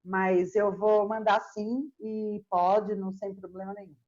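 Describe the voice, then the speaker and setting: A middle-aged woman, a historian being interviewed, speaking slowly and earnestly in a relaxed, reflective way. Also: medium pitch, muffled recording. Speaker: historian guest. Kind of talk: casual interview chat.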